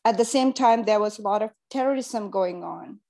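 A woman from Sri Lanka, a guest telling her life story in a relaxed, rambling way with many restarts. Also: medium pitch, normal speed. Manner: rambling, with frequent restarts and ums. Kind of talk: casual interview storytelling.

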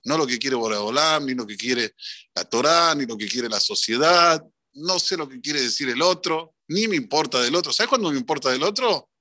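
A man with an Argentine accent, a religious teacher giving an animated storytelling sermon. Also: medium pitch, normal speed, no echo, clean studio sound. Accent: Argentine Spanish. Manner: animated, swings between voices.

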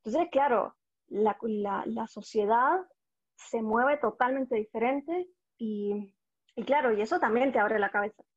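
A woman's voice: fairly high pitch, unhurried. A Salvadoran woman chatting casually as a guest, telling stories and acting out what people said. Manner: chatty, animated storytelling with quoted voices. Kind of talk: casual chat. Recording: dull lo-fi audio.

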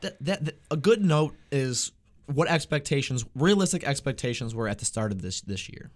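A man's voice: medium pitch, lively intonation, normal speed. A young man, a student reporter, hosting casual sports talk, often repeating words and restarting as he works through his thoughts. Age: young adult.

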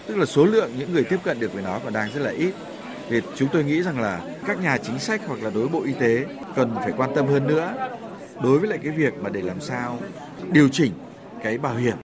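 A middle-aged man speaking as an association chairman in an interview, deliberate with small hesitations. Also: medium pitch, sing-song. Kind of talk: interview answer. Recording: crowd audible behind.

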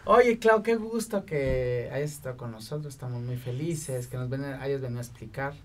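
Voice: mid-range voice, normal speed, slight background noise. A talk show host, hosting in a casual, effusive and informal way.

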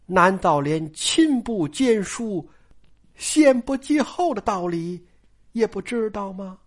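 A woman's voice: mid-range voice, lively intonation, slow. A woman voicing a flustered young man who stammers as he pleads and explains himself.

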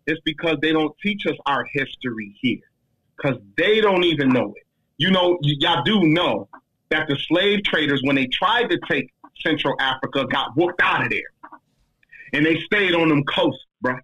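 Guy talking casual, high husky voice, emphatic and slangy. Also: lively intonation, normal speed, pushed and bright, poor audio. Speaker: speaker answering a question. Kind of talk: casual discussion.

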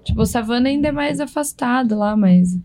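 A woman co-hosts a casual conversation, cutting in with light, teasing comments. Her voice sits a little high. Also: animated, a little fast, mellow. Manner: playful teasing interjections. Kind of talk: casual chat.

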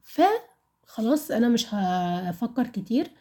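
A woman's voice: a little high, sing-song, takes it slowly, warm tone. A woman of about twenty with an Egyptian Arabic accent, talking casually and candidly to listeners about personal experience, often asking questions and answering them herself. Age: around 20.

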